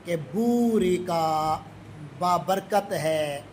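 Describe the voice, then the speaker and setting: A middle-aged man from Pakistan with a high voice gives a Quran commentary lesson. He intones each Arabic verse slowly, then explains it briskly in everyday speech. Faint noise is heard behind him. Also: darkish tone, rough recording. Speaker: Quran teacher.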